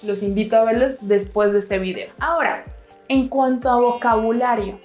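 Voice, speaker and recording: A woman teaching a Spanish lesson, slowly demonstrating pronunciation and repeating example words. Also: medium pitch, a little mellow, roomy sound. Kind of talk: online language lesson.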